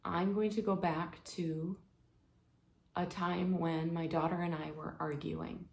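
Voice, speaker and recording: A woman leading a guided healing exercise, speaking in a gentle, soothing way, step by step. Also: fairly low pitch, level tone, slow pace, vocal fry. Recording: echoey room with faint ambience.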